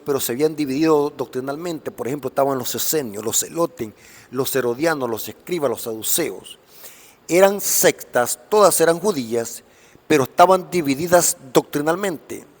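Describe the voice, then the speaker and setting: A man preaching a sermon-style Bible lesson, emphatic, alternating loud stressed phrases with quieter explanation. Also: mid-range voice, in a large hall.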